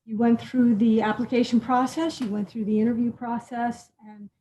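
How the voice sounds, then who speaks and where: A woman's voice: a little high, level tone, moderate pace. A woman hosting a scholarship presentation, talking to an audience with fillers and repeats. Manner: warm-up speaking with fillers and repeats. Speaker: scholarship program host. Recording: dull lo-fi sound with faint noise.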